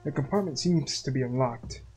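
A man's voice: mid-range voice, moderate pace, a little mellow, faint music behind. A man playing a video game, chatting casually and reading its text aloud. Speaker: gaming video creator. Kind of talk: let's play commentary and reading.

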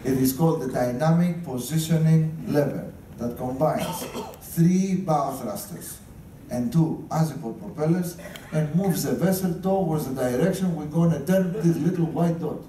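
A man's voice: on the high side, moderate pace, mellow, a little hiss or hum. A middle-aged man with a Greek accent, a ship captain giving a joking talk to guests on the bridge and chuckling at his own punchlines. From Greece. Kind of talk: humorous guided talk to guests. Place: ship's bridge, indoors. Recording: echoey room, from far off.

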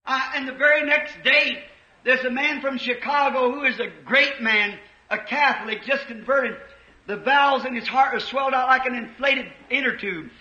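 A man preaching with heartfelt fervor, his voice sitting very high and ringing bright. He tells his story with surging emotion that breaks into shouts. The old recording sounds muffled and roomy, as if taped in a large hall. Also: unhurried. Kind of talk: fervent sermon storytelling.

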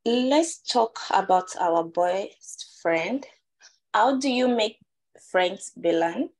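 Slow-spoken young Nigerian woman. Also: medium pitch, lively intonation, darkish tone. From Ondo State, Nigeria. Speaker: language test candidate. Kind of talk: question-and-answer test conversation.

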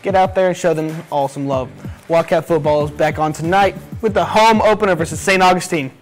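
Teenage guy with a high-ish male voice, announcing. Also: brisk, slight background noise. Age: teens. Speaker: student news co-host. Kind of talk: school announcements. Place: small school video studio, seated at desk.

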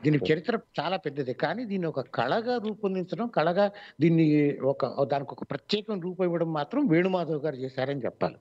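A man with a Telugu accent, a mimicry artist, answering radio interview questions in a measured, explanatory way with many pauses and fillers. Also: fairly high pitch, lively intonation, darkish tone. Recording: dull lo-fi online radio audio.

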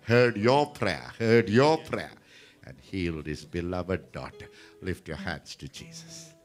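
A man pastor leading a healing service, blessing people with emphatic repetition and now and then breaking into song or shouting. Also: low-pitched, expressive, slow, soft background music.

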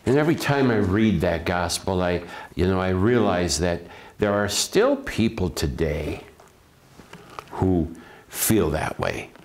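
Man, priest, funeral homily, very low voice, unhurried, gentle and reflective. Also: lively intonation. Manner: slow, gentle and reflective, with restarts.

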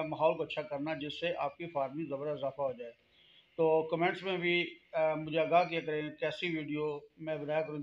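A middle-aged man, giving earnest farming warnings to camera in a casual vlog, often hesitating with drawn-out pauses. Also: on the high side. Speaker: farming channel host. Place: small indoor room. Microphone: phone held close to face. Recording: dull lo-fi phone audio.

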